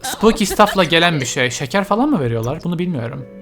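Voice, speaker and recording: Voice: medium pitch, sing-song, fast. A let's-player chats through a game session in a mid-range voice, talking straight to the characters and exclaiming often. English game terms slip into the commentary, with faint game music underneath. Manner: chatty, talks to game characters, frequent exclamations. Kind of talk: casual let's-play commentary.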